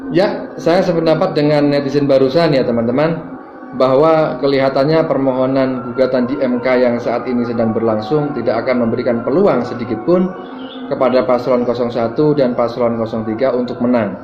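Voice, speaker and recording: A man hosting a political commentary video, explaining calmly and addressing his viewers as friends. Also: mid-range voice, normal speed. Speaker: host commenting on viewer clips. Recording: roomy, dull sound with music behind.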